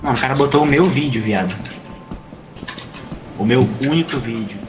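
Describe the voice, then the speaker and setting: A man's voice: medium pitch, normal speed, music in the background. A man in casual game voice chat, talking in an exasperated, slangy way with swearing. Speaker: player in a group multiplayer game.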